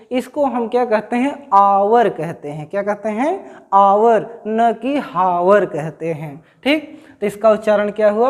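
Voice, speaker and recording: A middle-aged woman teaching grammar to schoolchildren. She speaks at an unhurried pace in a mid-range voice. She keeps asking her class questions and answering them herself, repeating each word. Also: mid-range voice, darkish tone.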